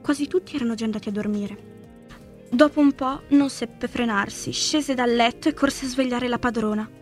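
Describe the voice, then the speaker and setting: Woman reading a story softly over music. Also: fairly high pitch. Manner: slow, measured, hushed storytelling. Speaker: narrator. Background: faint music.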